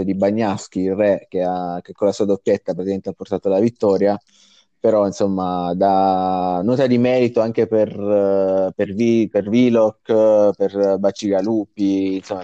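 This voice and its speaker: Low, mellow man hosting sports chat. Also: clean tone, no room sound, lo-fi sound. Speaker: host of a fantasy football discussion. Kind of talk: casual sports commentary chat.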